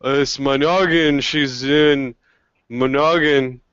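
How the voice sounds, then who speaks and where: A man voicing a slow, dim-witted male half-ogre guard who talks in a puzzled drawl. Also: mid-range voice, fairly even intonation, a bit bright, clean tone, no room sound, pitched above the performer's own voice. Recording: dull dry lo-fi recording.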